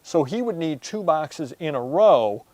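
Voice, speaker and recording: A man in his forties with a slightly high voice hosts a casual explanatory vlog. He talks straight to viewers and works through examples. The lapel mic sounds close and dry. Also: lively intonation, measured pace, a little mellow, no room sound. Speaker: host. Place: indoors, large warehouse storage aisle.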